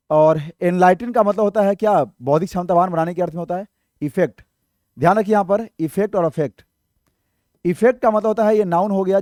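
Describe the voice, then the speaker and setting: Man, online vocab lesson, high-pitched, dry close sound, patient explaining, rhetorical questions. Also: a little mellow, no room sound. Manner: explains patiently, asks rhetorical questions, repeats "okay" often. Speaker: English vocabulary teacher. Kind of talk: online exam-prep lesson.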